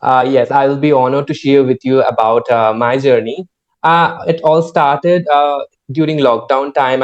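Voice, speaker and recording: A man's voice: mid-range voice, dull audio. A man hosting a podcast over a video call, talking hesitantly with many fillers. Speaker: podcast host. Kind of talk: casual podcast conversation.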